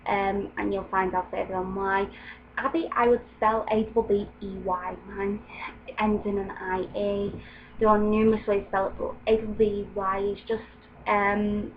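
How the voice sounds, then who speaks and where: A woman's voice: medium pitch, muffled recording. A young woman from England chatting casually on a home video, with frequent ums. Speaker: vlogger. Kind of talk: casual chat. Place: room at home with open window. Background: faint ambient noise through the window.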